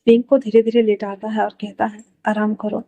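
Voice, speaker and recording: A woman's voice: on the high side, little pitch movement, a little fast, warm tone, no room sound. Woman casually narrating a fan story. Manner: chatty and casual, mixing in English words.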